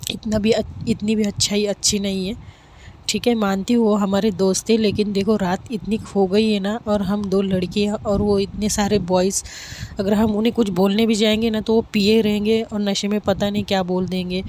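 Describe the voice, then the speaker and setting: A woman's voice: medium pitch, level tone, moderate pace, a little mellow, a little hiss or hum, lightly acted. A woman voicing a cautious, sensible young female student, in plain, level storytelling delivery. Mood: worried.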